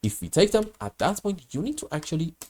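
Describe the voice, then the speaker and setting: A man's voice: on the high side, big pitch swings, a little fast, darkish tone. Man with a grating, cold-stricken, swooping voice. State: sick with a cold. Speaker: crypto chart analyst. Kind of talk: live chart analysis lesson.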